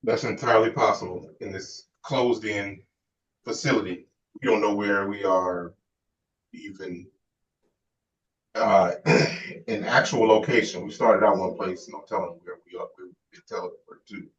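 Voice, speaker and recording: A man playing a tabletop game, answering in character in a measured way. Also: fairly low pitch, steady tone, far from the mic. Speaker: tabletop player. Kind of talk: in-character roleplay. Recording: roomy, dull-sounding.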